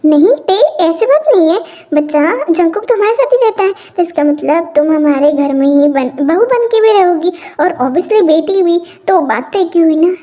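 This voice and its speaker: A gentle, doting father who coaxes and reassures in a soft, mellow voice that sits very high for a dad, as a woman voices him. Part of a fan audio drama. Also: animated, moderate pace, lo-fi sound. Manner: soothing, coaxing.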